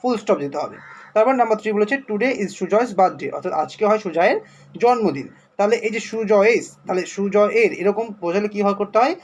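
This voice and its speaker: A man with a Bengali accent teaching a primary school English lesson, reading English examples slowly and then explaining them in Bengali. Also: high voice, a little hiss or hum.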